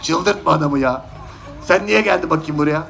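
A man's voice: fairly high pitch, moderate pace, a bit bright, soft background music, some chatter behind, pitched below the performer's own voice. A man voicing a grumpy, exasperated bearded man in a shadow puppet show, scolding the child.

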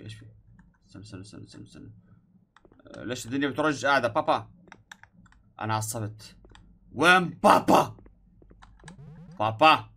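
A man's voice: medium pitch, bright, forceful tone. A young man doing playful, dramatic let's play commentary and joking about being scared. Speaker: gaming YouTuber.

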